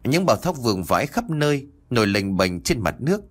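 A male storyteller reads a village ghost story for an audiobook. His pitch moves widely and lively through each sentence, and he leans into the drama of the telling. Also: a little fast. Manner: expressive, dramatic.

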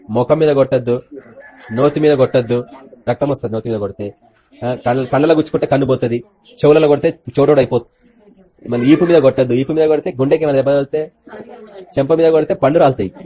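A man preaching a Good Friday sermon, firing rhetorical questions at the congregation and swinging between loud bursts and quiet asides. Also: a little high, breathy edge. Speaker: pastor.

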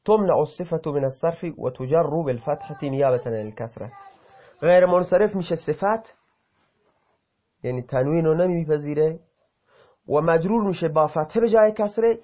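Male grammar teacher, dull lo-fi sound. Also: fairly high pitch. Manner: reads Arabic examples aloud then explains them, with frequent self-corrections. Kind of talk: Arabic grammar lesson explained in Persian. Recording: dull lo-fi recording.

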